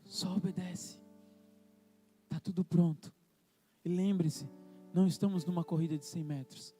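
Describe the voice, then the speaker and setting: A young Brazilian man preaches in a church with a high, light voice, swinging between quiet storytelling and a fervent call to pray. Soft guitar plays faintly behind him. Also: fairly even intonation, unhurried. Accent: Brazilian Portuguese. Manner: storytelling, emotional, rising into fervent prayer call. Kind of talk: sermon with personal story. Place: church hall.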